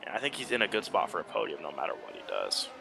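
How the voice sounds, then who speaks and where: A man giving conversational motorsport commentary and analysis on an online race, with a gravelly edge to his voice. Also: low voice, wildly swooping pitch, quick pace. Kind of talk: conversational analysis in live sim racing commentary. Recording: clearly noisy background.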